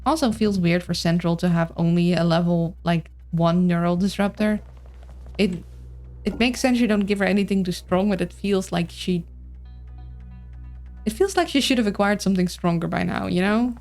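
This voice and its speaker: A game streamer with a Dutch accent talks at a moderate pace, her voice low-leaning and a little mellow. She gives casual, rambling commentary while thinking aloud, heard through a filtered streaming mic with game music behind.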